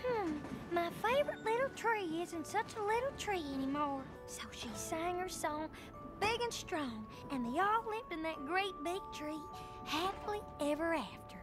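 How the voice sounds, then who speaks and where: A woman's voice: very high voice, lively intonation, unhurried, music in the background. A woman voicing a cheerful young farm pony mare with a folksy, caring way of talking, in a cartoon. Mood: storytelling. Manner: folksy, doting baby talk to a tree. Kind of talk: cartoon voice acting.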